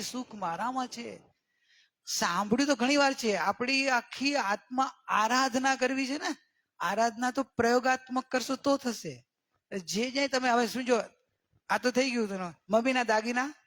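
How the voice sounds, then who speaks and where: A man giving a religious discourse as a spiritual teacher. He keeps checking in with his listeners and draws key words out slowly for emphasis. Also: extremely high pitch, fairly bright tone. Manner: questioning, coaxing listeners with repeated checks.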